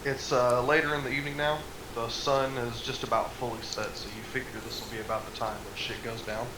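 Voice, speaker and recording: A man's voice: mid-range voice, level tone, brisk, background noise. A man running a tabletop game as game master, talking loosely and casually and swearing freely. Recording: roomy echo.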